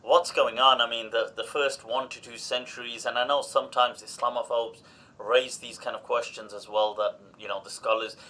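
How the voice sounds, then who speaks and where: A man's voice: medium pitch, fairly even intonation, moderate pace, pushed and bright. A man hosting a podcast, asking long, rambling questions with many fillers. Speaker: podcast host. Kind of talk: conversational interview.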